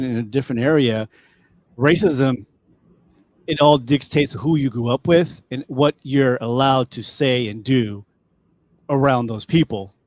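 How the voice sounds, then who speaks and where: This man hosts a podcast in a relaxed, rambling way, his Californian accent coming through amid lots of fillers and restarts in casual chat. His voice has a medium pitch, and the recording has no room sound.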